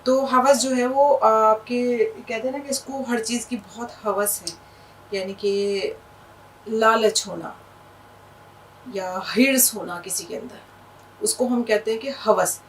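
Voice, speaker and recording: A woman's voice: on the high side, recorded from a distance, slight background noise, poor audio. Patient Indian Urdu woman teaching, set back from mic. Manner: patient, explains words slowly with examples. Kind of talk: explanatory language lesson.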